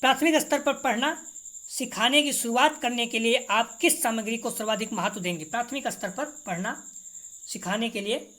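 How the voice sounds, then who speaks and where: Speaking informally and directly to her students, a woman teacher goes through exam multiple-choice questions and answers, repeating every correct one. Her voice is on the high side and fairly bright, at a normal speed.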